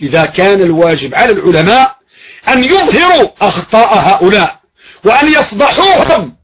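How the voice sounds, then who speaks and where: A male preacher with a high, husky voice delivers an emphatic sermon. He hammers his points by repeating phrases and posing rhetorical questions, heard on a dull lo-fi recording. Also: big pitch swings, brisk. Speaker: sheikh, preacher. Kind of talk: fiery religious lecture.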